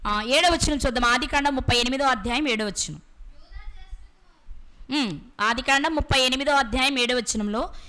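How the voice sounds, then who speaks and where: A woman preaching a Bible sermon. She puts questions to her listeners and answers them herself, and she slows down to stress key words and scripture. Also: high voice, pushed and bright.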